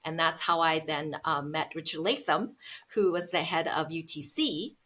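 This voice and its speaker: Low-pitched and a bit bright, this woman talks at normal speed. As a guest in a casual interview, the Seattle business founder tells her story in a chatty, storytelling manner full of ums.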